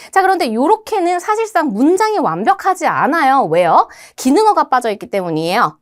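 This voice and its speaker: Young woman teacher in a studio, voice swoops up and down a lot, quick rhetorical questions. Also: sits high. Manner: animated teacherly delivery, rhetorical questions answered herself. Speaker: TOEIC listening instructor. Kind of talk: studio video lecture. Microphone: studio microphone.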